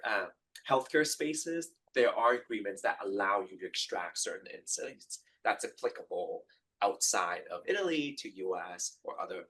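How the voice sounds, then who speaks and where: A man from Hong Kong answers questions on a live panel, halting and full of ums and restarts. His voice sits a little low and sounds husky. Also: fairly bright tone, poor audio. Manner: hesitant, many fillers and restarts. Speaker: panelist, genetic counselor.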